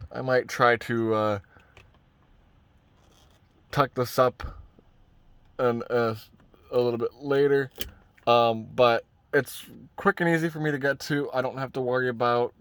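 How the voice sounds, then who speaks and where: This man's medium-pitched voice sounds a bit bright, clear and resonant. He's a vlogger showing a truck radio install from inside a parked pickup, talking through the hands-on steps informally and musing aloud as he works.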